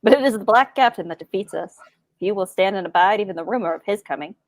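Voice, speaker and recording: A woman voicing a messenger in a brisk 1940s radio-announcer manner. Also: mid-range voice, dry recording, lightly acted. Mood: urgent.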